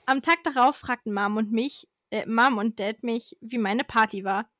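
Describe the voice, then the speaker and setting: A young woman reads an old story of her own aloud, amused and stumbling now and then over the words. Her voice sits a little high. The sound is close and dry. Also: normal speed, a bit bright, dry recording. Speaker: podcast host reading her childhood story. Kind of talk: reading aloud with asides.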